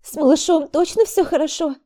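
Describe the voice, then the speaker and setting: A frightened young woman in labor, voiced by a woman narrator, her words strained and close to tears. The tone stays mellow and dark even as she pleads. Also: sits high, very slow, pitched above the performer's own voice, heavily acted.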